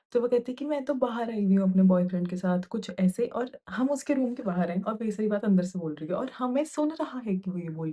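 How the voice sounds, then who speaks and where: A woman's voice: mid-range voice, warm tone, muffled recording. A young woman from India telling a hostel story to camera in casual Hindi, heated and indignant, slipping in English phrases. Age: young adult.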